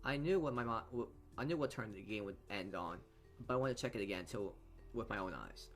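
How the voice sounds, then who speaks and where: He's a let's play host reading through a visual novel, narrating aloud and commenting on the side while game music plays underneath. His voice is lowish, fairly bright and animated, fairly quick, and he keeps stumbling and rereading phrases.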